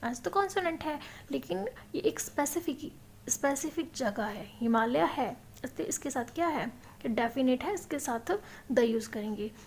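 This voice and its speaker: A woman's voice: high voice, animated, normal speed, slight background noise. A woman teaching English grammar, explaining in a classroom style and asking and answering her own questions.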